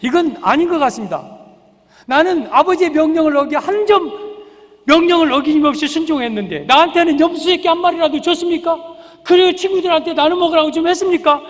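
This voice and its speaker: A preacher acting out an indignant elder son. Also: male voice, very high-pitched, a little fast, pitched above the performer's own voice. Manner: protesting, raised and insistent. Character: resentful elder son, grown man, indignant. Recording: long reverb of a church hall.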